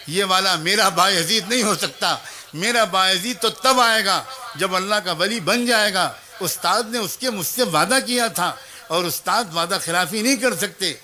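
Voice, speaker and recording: A preacher tells his sermon as a moving story in a high, bright voice, personally voicing the teacher, the child and the mother with lots of feeling. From time to time he speaks directly to mothers and young people.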